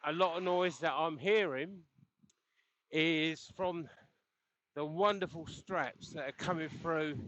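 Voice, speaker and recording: Through a helmet intercom headset mic, a cycling vlogger talks casually as he rides outdoors on the road, rambling and chuckling. His fairly high, slightly bright voice moves slowly with long pauses, and the audio sounds dull.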